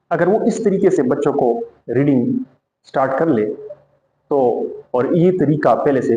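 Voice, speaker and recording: A man's voice: mid-range voice, dark tone. A man teaching phonics to parents and teachers, patiently spelling out letters and repeating examples. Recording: roomy echo.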